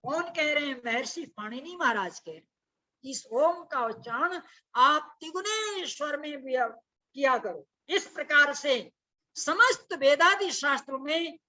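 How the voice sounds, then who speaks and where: A woman's voice: sits high, animated, measured pace, sharp tone. A woman preacher giving a devotional sermon, explaining scripture with rhetorical questions and chanted Sanskrit verses. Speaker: religious preacher.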